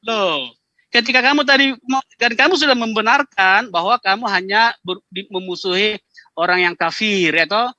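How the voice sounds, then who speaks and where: A man with a high, very bright voice lectures and pushes back in a heated online debate. He is heard over a video call, and the sound is dry and close. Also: normal speed, no room sound, muffled recording. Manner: lecturing, combative.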